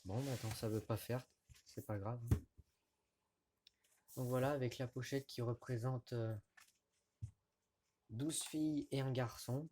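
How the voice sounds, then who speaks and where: Guy filming his vinyl collection at home, mid pitch, stop-start talking, faint hiss behind. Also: steady tone, a little mellow. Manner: hesitant, halting with frequent fillers and restarts. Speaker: record collector vlogger. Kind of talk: casual show-and-tell of vinyl records. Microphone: camera mic at close range.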